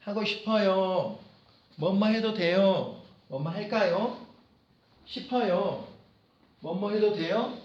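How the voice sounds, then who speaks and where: Lively, echoey lecture by a man. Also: high-pitched, dull audio. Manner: repeats phrases slowly for students to follow. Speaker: professor teaching business Korean. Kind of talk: lecture with dialogue drills.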